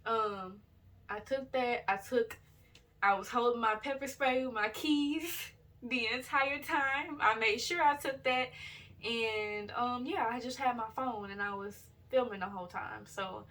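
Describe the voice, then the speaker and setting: A woman's voice: fairly high pitch, unhurried, recorded from a distance. A woman telling her viewers a rambling, casual story to camera, full of fillers and self-corrections. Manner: chatty and relaxed, addresses viewers directly. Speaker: vlogger. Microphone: built-in device camera mic.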